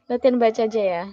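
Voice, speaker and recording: A young woman giving a relaxed, chatty private language lesson, patient and quick to laugh. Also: on the high side, no room sound, dull audio. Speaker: Mandarin tutor.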